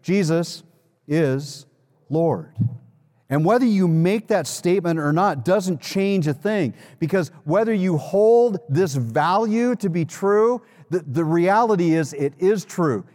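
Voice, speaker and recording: A male pastor delivers an earnest sermon, stumbling over and repeating words as he presses his point and asks the congregation to respond. His voice sits a little high for a man. The sound rings with the long reverb of a large church hall. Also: expressive, measured pace, hardly any pauses, darkish tone.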